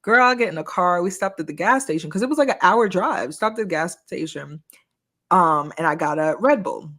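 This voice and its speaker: A woman co-hosting a podcast, telling a personal story in casual chat, animated and full of "like" and self-mocking laughs. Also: on the low side, brisk. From United States. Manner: animated storyteller, heavy use of "like", laughs at herself. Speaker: podcast co-host.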